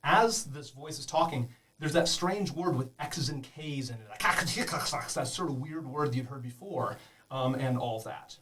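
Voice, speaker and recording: A man's voice: mid-range voice, lively intonation, unhurried, fairly bright tone, recorded from a distance. A man narrating a tabletop game as game master, explaining rules to beginners in a chatty way with many fillers.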